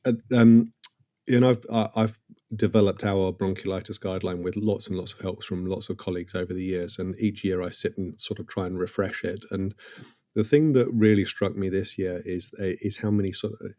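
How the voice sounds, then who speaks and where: Low-voiced man explaining medicine. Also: steady tone, mellow. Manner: measured, explanatory, dry humour. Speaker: consultant paediatrician guest. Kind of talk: podcast interview.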